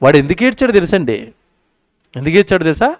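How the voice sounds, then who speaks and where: A male preacher giving a sermon at a public meeting, quizzing the crowd and swinging between loud and soft. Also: on the high side, very animated, fast talker, no room sound, studio quality.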